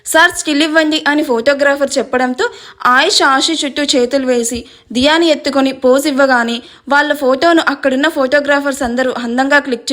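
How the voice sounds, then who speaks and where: High-voiced woman storyteller. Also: fairly bright tone. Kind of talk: serial story narration.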